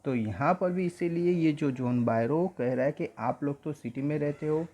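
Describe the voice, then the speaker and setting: A man's voice: fairly high pitch, warm tone, muffled recording. Man teaching an English story in Hindi. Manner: reads English lines slowly, then explains in mixed Hindi and English.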